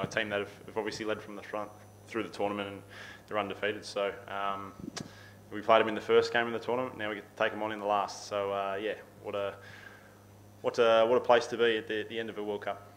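A man in his thirties with an Australian accent, answering questions at a post-match press conference, steady and repeating words as he thinks. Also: lowish voice, slight background noise, low-quality recording. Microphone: table microphone.

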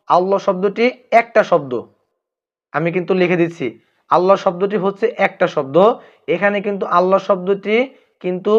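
A religious teacher gives a lesson on pronunciation, carefully repeating each phrase and calling his listeners honored friends. His voice sits high and a bit bright, with lo-fi sound.

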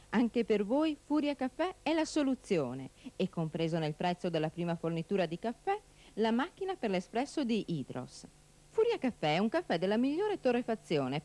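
A woman presents a scripted TV sales pitch with animated, widely moving intonation. Her voice is mid-pitched and soft-edged, with a mellow tone. She stresses key phrases persuasively, as an infomercial narrator does. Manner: persuasive, emphatic salesperson delivery with rhetorical questions. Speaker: telesales presenter.

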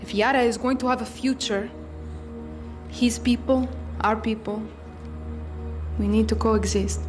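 A woman's voice: fairly high pitch, steady tone, natural voice. Grave, resolute rebel leader played by a woman, music behind. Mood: resigned. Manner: measured, earnest, grave. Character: resolute, weary young female guerrilla leader. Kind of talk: dramatic video game acting.

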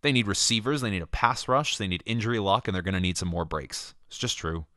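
A man's voice: lowish voice, fast, bright, forceful tone, dry recording, clean studio sound. A man playing a brash sports radio host. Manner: emphatic, opinionated rant. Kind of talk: scripted sports radio monologue.

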